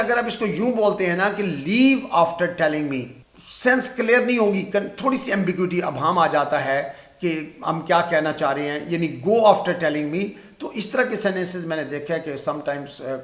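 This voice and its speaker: Male teacher with a Pakistani accent, slightly high voice, patient step-by-step explainer, echoey room. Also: fairly bright tone. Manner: explains step by step, repeats example sentences slowly. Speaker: English teacher. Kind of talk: spoken English lesson.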